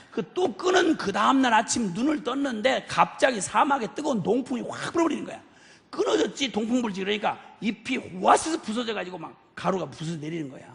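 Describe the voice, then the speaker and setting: A middle-aged man preaching a sermon as a missionary, telling the story dramatically and acting out both God and Jonah, swinging from hushed lines to shouts. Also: high voice, gravelly, slight background noise. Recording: long hall reverb.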